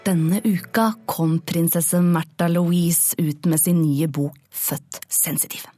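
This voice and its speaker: A woman playing a deadpan local radio host. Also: on the low side, faint music behind, lightly acted. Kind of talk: comedy sketch, parody news radio.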